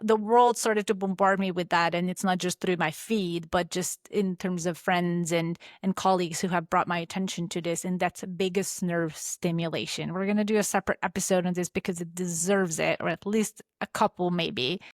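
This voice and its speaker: A woman's voice: on the low side, fairly even intonation, moderate pace, hardly any pauses, dry recording, clean studio sound. A woman hosting a podcast, casually steering the talk and asking her guest questions. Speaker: podcast host.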